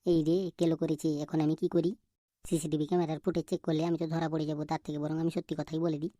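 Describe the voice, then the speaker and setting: Guilty cartoon schoolboy, fearful and begging; woman voices him low-pitched, fast, dry sound. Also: little pitch movement, dark tone, no room sound. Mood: pleading. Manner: stammering, pleading, fearful. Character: timid, guilty schoolboy who stole. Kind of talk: cartoon voice acting.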